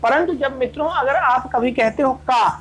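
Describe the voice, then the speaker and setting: A woman with a high, husky voice teaches an exam-prep grammar lesson at normal speed, treating her students as friends. She keeps posing rhetorical questions and answering them herself, repeating each point, on a rough recording.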